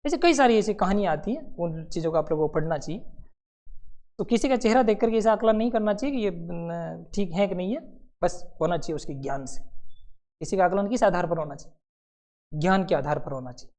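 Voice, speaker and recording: A man's voice: sits high, expressive, a little mellow. Storytelling male teacher mid-lesson. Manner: storytelling, acting out scenes and voices, quick asides. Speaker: competitive exam teacher. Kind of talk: lively classroom lecture. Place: classroom with students present.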